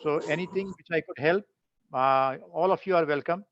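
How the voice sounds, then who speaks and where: A man's voice: a little high, normal speed, a bit bright. An older man with an Indian accent, a teacher giving a humble, rambling, informal address to students online. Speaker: IT teacher and workshop speaker. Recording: dull lo-fi web conference audio.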